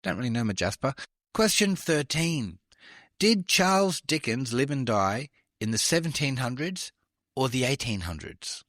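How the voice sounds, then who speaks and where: A man's voice: mid-range voice, sing-song, normal speed, fairly bright tone, no room sound, clean studio sound. A man hosting a trivia podcast, reading questions with chatty, self-deprecating asides. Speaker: quiz podcast host.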